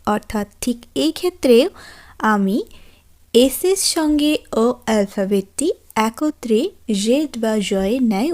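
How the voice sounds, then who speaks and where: Woman French tutor, higher voice, slow and deliberate, explaining patiently. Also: warm tone. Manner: slow, careful, drawn-out model pronunciation of example sentences. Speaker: French teacher. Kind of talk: online language lesson.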